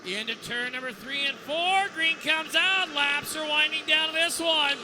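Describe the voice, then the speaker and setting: A man's voice: very high voice, measured pace. A man working as a motorsport commentator, calling a live stock car race in clipped running phrases. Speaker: motorsport track announcer. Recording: loud engine noise over track announcing. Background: race car engines.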